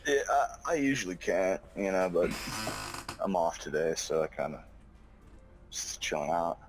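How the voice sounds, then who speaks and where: A laid-back man chatting on a game stream, halting, with many fillers. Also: low-pitched, very animated, music in the background. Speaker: friend on the stream. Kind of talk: casual chat.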